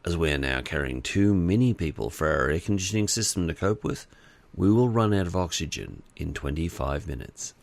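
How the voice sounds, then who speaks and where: Deep gravelly male audiobook narrator. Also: lively intonation, fairly quick, dry recording.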